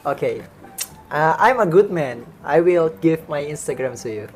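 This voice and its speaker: An Indonesian man with a slightly high, expressive voice chats casually with strangers over video, teasing them and laughing at his own jokes. He's a host who sings to the people he meets on video chat, speaking at a normal speed with faint music in the background.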